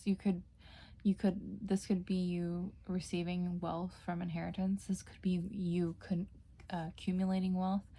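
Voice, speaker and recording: A woman's voice: lowish voice, dark tone. A woman giving a casual tarot reading, chatty, with frequent fillers and self-corrections. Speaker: tarot reader.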